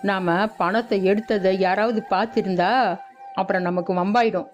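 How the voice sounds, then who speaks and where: A woman voicing a greedy, scheming middle-aged mother-in-law who talks in a bossy, hushed, conspiratorial way in a cartoon story. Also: mid-range voice, fairly even intonation, normal speed, lightly acted. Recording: dull lo-fi audio with background music.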